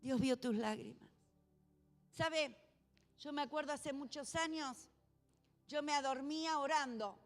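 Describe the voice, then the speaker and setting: A woman pastor with a Rioplatense accent preaching a sermon, swinging between loud proclaiming and soft, low pleading. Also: measured pace, long pauses. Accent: Rioplatense Spanish. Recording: music under a long church reverb.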